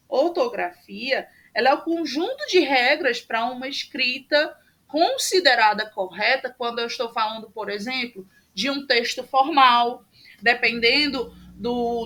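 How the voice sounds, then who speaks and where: Woman, online teacher, higher voice, unhurried step-by-step explainer. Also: bright, forceful tone. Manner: patient, explaining step by step with many fillers. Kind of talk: online class lecture. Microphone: computer mic on a video call.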